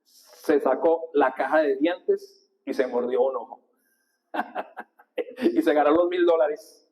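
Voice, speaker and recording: A male priest giving a lively sermon with a handheld mic, coaching the congregation to repeat verses and gestures. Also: a little high, slow, lo-fi sound. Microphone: handheld microphone.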